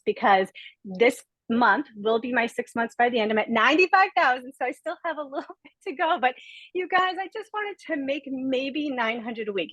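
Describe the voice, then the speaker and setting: A woman's voice: on the high side, fairly bright tone, dry recording, low-quality recording. A woman from Rhode Island giving a heartfelt, gushing testimonial as a guest on a video-call webinar. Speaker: guest speaker.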